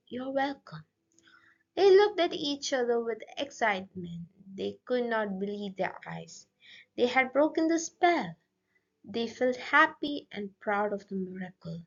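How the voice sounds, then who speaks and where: Woman narrator for a children's story, steady read-aloud, very slow, dull lo-fi sound. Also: medium pitch. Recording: dull lo-fi audio.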